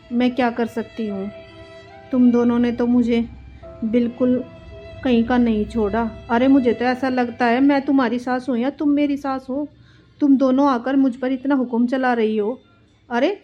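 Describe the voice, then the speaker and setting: Cartoon elderly mother-in-law, self-pitying and put-upon, high voice, dull lo-fi sound with faint music, voiced by a woman. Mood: aggrieved.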